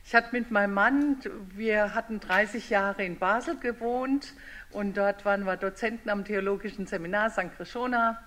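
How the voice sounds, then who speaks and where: Older German woman giving a lively talk. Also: medium pitch, normal speed. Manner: informal, lively, storyteller's rhythm. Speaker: speaker, theology lecturer. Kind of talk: public talk with a picture-book read-aloud.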